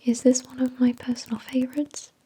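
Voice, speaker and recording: A woman hosting an ASMR product review in a soft, breathy whisper, with an unhurried, measured delivery. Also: sits high, completely flat delivery. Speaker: ASMR video host.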